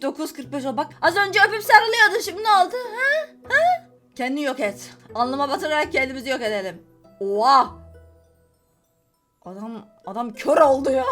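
Woman, high-pitched voice, excitable gameplay commentary, scolds characters, faint music behind. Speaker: gaming channel host.

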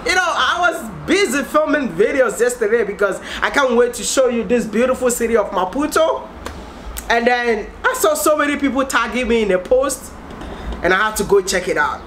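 A young man with a very high, expressive, fairly bright voice vlogs his opinions to camera at normal speed, with slight background noise. Standing outdoors on a high balcony above a city, he speaks emphatically and exclaims a lot, often asking and answering his own questions.

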